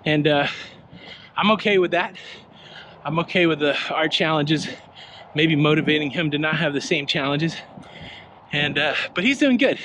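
Strolling through a park, a middle-aged man hosts a casual walking vlog, chatting loosely, quizzing his viewers, and making fun of himself. His voice is a touch high for a man, at a normal speed broken by long pauses. Wind and outdoor noise wash steadily over the body-camera audio.

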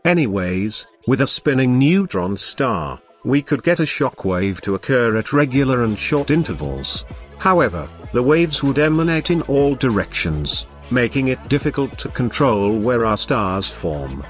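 A man's voice: mid-range voice, very animated, a little slow, soft background music. A man reading a prepared science explainer in a plain, informal way, as the narrator of his video channel.

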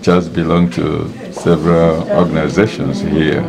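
Deep-voiced man interviewing mourners. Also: level tone, a little slow, vocal fry, over a noisy crowd. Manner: warm, chatty, frequent affirmations. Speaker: interviewer at a memorial service. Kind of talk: casual interview. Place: church hall.

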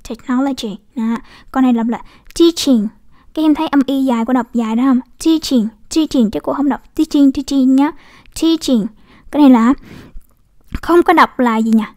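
High-voiced woman teaching English pronunciation. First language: Vietnamese. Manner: repeats model words slowly, checks with "đúng không?". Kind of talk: casual classroom explanation.

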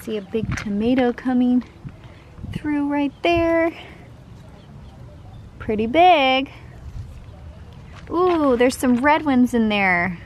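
Her high, expressive voice takes things slowly, with long pauses, as this young woman shows off her backyard vegetable garden. She chats enthusiastically and points things out while walking and filming on a handheld camera, and the low-quality outdoor recording picks up clear background noise.

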